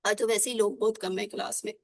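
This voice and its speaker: A woman's voice: mid-range voice, fairly even intonation, creaky. A woman teacher explaining grammar patiently and drilling phrases again and again with her class. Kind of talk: online class lesson.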